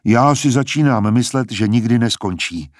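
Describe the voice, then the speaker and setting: A man reading a gloomy young male student in a plain, resigned tone with a husky voice. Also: medium pitch, dry recording, studio quality, close to an everyday voice.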